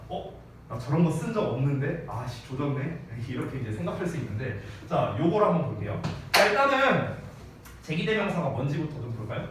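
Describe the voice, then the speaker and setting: A male teacher gives a grammar lecture in a very echoey classroom, his voice caught from some distance away. He speaks with a somewhat high, very animated pitch. His manner is casual and playful, and he slips between polite and informal speech. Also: slight background noise. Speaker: English teacher. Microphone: wearing a mask, mic some distance away. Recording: very echoey room, voice off-mic with faint ambience.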